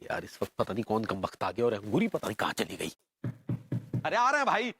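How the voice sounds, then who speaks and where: A man's voice: fairly low pitch, wildly swooping pitch, a little fast, fairly bright tone, breathy edge, faint music behind, full character voice. An actor playing a flustered middle-aged man who stammers and pleads in a TV sitcom. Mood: grumbling. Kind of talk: TV sitcom acting.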